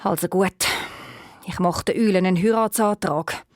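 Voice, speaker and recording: A woman's voice: fairly low pitch, moderate pace, dry recording, studio quality, natural voice. A woman voicing a proud young caliph turned into a stork, talking eagerly. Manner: eager and questioning.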